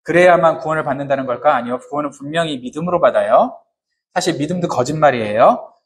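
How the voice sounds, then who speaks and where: A man's voice: on the high side, fast talker. A man preaching a sermon who keeps asking the congregation questions and answering them himself, in casual, joking everyday words. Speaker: pastor.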